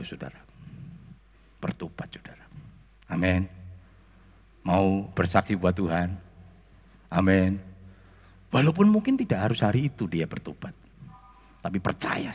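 Male pastor, lively and animated storytelling sermon, echoing church hall. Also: low-pitched, fairly quick, husky. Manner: animated, addresses the congregation as "Saudara".

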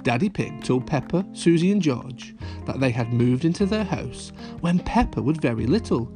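A man's voice: mid-range voice, lively intonation, normal speed. A man narrating a children's story like a kids show host, cheerily addressing young listeners, with guitar music behind him.

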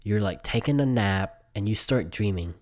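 A man's voice: on the low side, animated, normal speed, a little mellow. A man in his twenties from Vietnam, a Vietnamese native speaker, hosting his own casual solo podcast and telling a long story with frequent restarts and self-corrections. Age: 20s. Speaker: podcast host.

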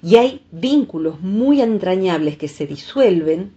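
A woman with a low, warm voice talks things through slowly and reflectively. She calls in to a radio show, and the line sounds dull and muffled. Her speech is gentle, and she explains with everyday examples. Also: expressive. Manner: reflective, uses images and examples. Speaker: psychologist guest. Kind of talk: calm explanatory radio talk.

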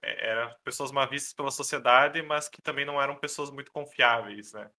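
Bright-voiced man in casual book talk. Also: medium pitch, fairly quick.

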